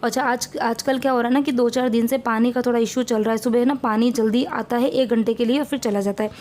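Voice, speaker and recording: Woman in her 30s, home vlogger, mellow, slightly high, talkative. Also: steady tone, fast talker, slight background noise. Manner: chatty, rambling, homely cooking talk. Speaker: family vlogger. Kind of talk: casual vlog narration.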